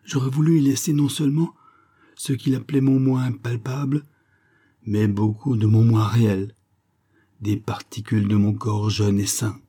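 A man's voice: medium pitch, flat delivery, normal speed, dark tone, slightly rough, natural voice. A man voicing an old woman, a former opera singer, telling her story with confiding wistfulness. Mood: recounting.

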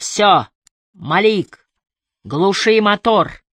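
A woman's voice: very deep voice, animated, slow, fairly bright tone, breathy edge, no echo, voice pushed down, heavily acted. A woman reading an audiobook voices a ruthless woman police chief who barks orders through a megaphone. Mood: shouting orders. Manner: barking commands through a megaphone. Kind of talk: audiobook character voice.

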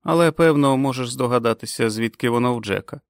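A man's voice: mid-range voice, quick pace, smooth, dry recording, studio quality, natural voice. A man voicing a chatty, rueful woman who complains wryly about a rash.

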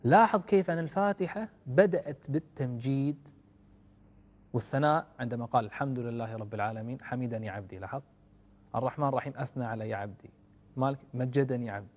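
A man giving a religious lecture in an earnest way, dropping to soft, low passages and rising to loud, emphatic stresses. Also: long reverb tail. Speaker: Islamic lecturer.

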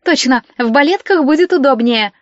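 A woman plays a hot-tempered younger sister, fierce and impulsive, her voice pitched high. The read is dull in tone and dry, close to the mic. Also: expressive, moderate pace, no room sound. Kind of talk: audiobook character voice.

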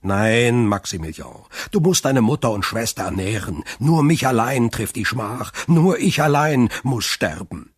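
A man voicing a desperate older shipowner father who speaks in a hurried, pleading way. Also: medium pitch, animated, slightly rough, dry recording, studio quality. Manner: hurried, pleading, rising in distress.

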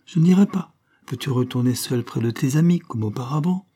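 Storybook mother, resigned and worried, gentle questions, a bit higher and husky; male reader doing her. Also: lively intonation, brisk, close to an everyday voice.

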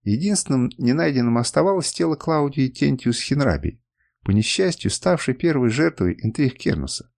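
A man narrating an audiobook in an expressive storytelling manner. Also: mid-range voice.

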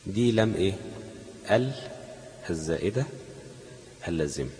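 A man's voice: low-pitched, expressive, moderate pace, a little mellow, big-room sound, slight background noise, poor audio. A man with an Egyptian Arabic accent teaching a class on Quran recitation, asking leading questions that the students finish.

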